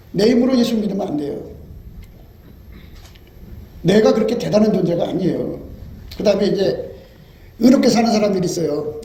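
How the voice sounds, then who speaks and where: Impassioned high-voiced male preacher. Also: warm tone. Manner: impassioned, acts out pleading prayers. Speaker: pastor. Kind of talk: sermon. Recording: roomy echo.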